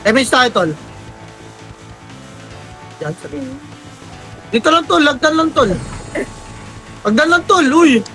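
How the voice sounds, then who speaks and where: A young man with a hoarse, cracking voice shouting quick commands and countdowns to his team during a live game, swearing often. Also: very high voice, expressive, faint music behind. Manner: barks rapid commands and countdowns, swears a lot. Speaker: team shot-caller.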